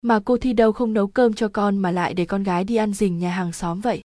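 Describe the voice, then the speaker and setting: Woman reading as a mild teasing dad, mellow tone, dry recording, storybook reading. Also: medium pitch, fairly even intonation, a little fast, dry recording, lightly acted. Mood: curious. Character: easygoing middle-aged father, gently teasing.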